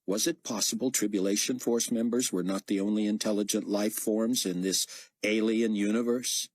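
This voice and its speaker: A man reading an audiobook in scripted narration, with a steady storytelling cadence. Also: on the low side, normal speed, no room sound, studio quality.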